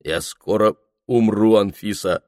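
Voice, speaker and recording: A man's voice: on the low side, unhurried, darkish tone, no room sound, studio quality. A man doing a drunk, gloomy old merchant. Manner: weary, slurred, brooding.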